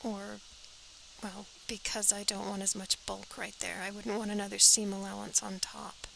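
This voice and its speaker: A woman's voice: medium pitch, level tone, moderate pace, creaky, bright, forceful tone, a little hiss or hum, poor audio. A woman teaching a step-by-step sewing pattern drafting tutorial, practical and talking as she works, often dropping to an airy half-whisper.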